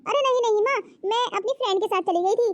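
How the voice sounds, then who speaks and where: A woman's voice: extremely high pitch, fast, no echo, muffled recording. A woman voicing a sweet young daughter in a cartoon, coaxing and pleading. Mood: explaining. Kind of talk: cartoon voice acting.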